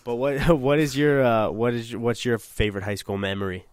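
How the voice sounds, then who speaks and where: A young man spins a long story from high school, looping back on himself and swearing casually as he goes. His voice sits at an ordinary middle pitch. The sound is dry and close, with no room echo. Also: normal speed, clean tone. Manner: rambling, self-correcting, swears freely. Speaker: podcast co-host.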